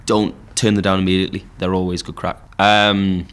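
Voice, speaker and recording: Give me a deep Geordie man, casual and rambling, talking music in a pub. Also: a little fast, smooth. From Newcastle, England. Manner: relaxed storytelling with frequent fillers. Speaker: podcast host and musician.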